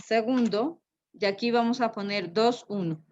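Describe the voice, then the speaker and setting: A woman teaching a math lesson, unhurried and thinking aloud, often checking in with a quick tag question. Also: on the high side, darkish tone. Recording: dull lo-fi recording.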